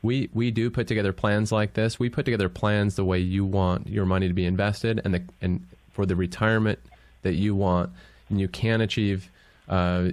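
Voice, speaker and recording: A deep-voiced man hosts a radio show. He talks in a relaxed, conversational way with plenty of fillers and small restarts. The studio sound is dry and close. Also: dry recording. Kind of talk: radio interview.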